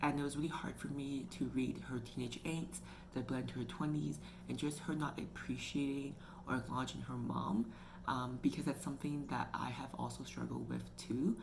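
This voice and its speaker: A woman with a gravelly bass voice speaks at a moderate pace in a steady tone. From Canada, she hosts a book review channel and keeps things chatty, filling her speech with "like" and "you know." There's noticeable noise in the background.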